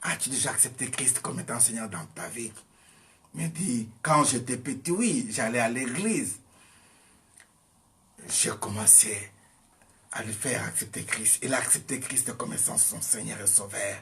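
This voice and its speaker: A man's voice: medium pitch, a little slow, bright, forceful tone. A male evangelist preaching a testimony sermon, emphatic and repeating phrases while addressing listeners as beloved.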